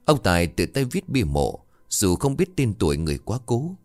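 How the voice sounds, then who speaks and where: A man narrating a ghost story with a dramatic, expressive reading. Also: on the low side, moderate pace, no room sound.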